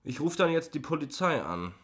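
A man's voice: fairly high pitch, sing-song, normal speed, fairly bright tone, voice pushed up. A man reading an audiobook, voicing a blustering, bigoted middle-aged male driver who rants and talks down to people. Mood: ranting. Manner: ranting, condescending.

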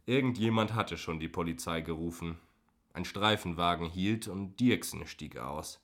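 Deep-voiced man, wry, measured audiobook narration. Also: a bit bright. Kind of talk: audiobook reading.

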